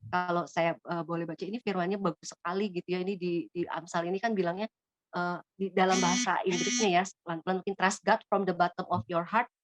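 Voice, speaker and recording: Fast-talking woman from Bogor. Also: lowish voice, fairly even intonation, dry recording. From Bogor, Indonesia. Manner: chatty, many fillers and hesitations. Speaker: guest giving a testimony. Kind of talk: casual spoken testimony.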